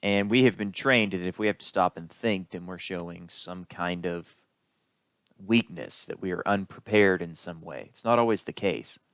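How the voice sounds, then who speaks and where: A man giving a recorded lecture as an instructor, explaining in an unhurried way with the odd filler. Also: sits low, fairly bright tone, no room sound.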